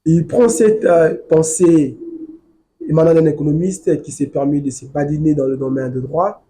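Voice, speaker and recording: A man's voice: a little high, normal speed, warm tone. A man from Congo, a legal researcher, lecturing in a studio political debate and insisting on finishing his point. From Democratic Republic of the Congo.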